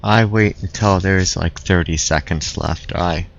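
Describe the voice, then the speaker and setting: Low-voiced man chatting over gameplay. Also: unhurried, creaky. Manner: relaxed, musing, trailing restarts. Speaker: streamer. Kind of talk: casual gameplay chat. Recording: dull lo-fi mic.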